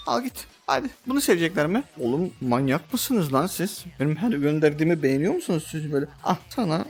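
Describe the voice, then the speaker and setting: A man commenting on his VR game in an exasperated, bantering way, with loud outbursts. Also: on the high side. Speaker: gaming video host.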